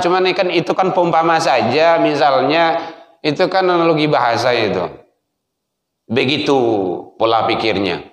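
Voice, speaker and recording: A male preacher with a Minangkabau accent, delivering a sermon with animated storytelling, swinging between loud exhortation and low asides. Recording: echoey hall.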